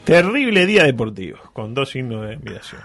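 A man with a Uruguayan accent hosting a radio show, delivering sarcastic sports commentary with a deadpan manner. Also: medium pitch, fairly quick, faint music behind. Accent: Uruguayan Spanish. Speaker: radio host.

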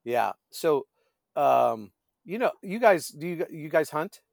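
A middle-aged man who works as a pastor and fishing guide tells stories casually as a podcast guest, often searching for his words. His voice is a little high and expressive, with vocal fry and a slow pace. The studio sound is clean, with no echo.

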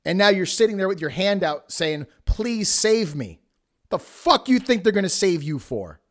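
A man hosting a show, delivering a forceful, emphatic motivational monologue straight at the listener in blunt, sweary tough-love language. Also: sits high, expressive, fairly quick. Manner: preachy, addresses listeners directly. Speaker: podcast host.

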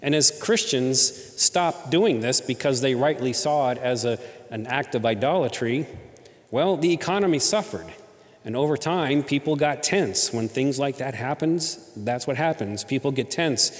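A man's voice: mid-range voice, expressive, moderate pace. Male pastor preaching in a reverberant church. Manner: conversational preaching with rhetorical questions. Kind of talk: sermon. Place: church in Southern California.

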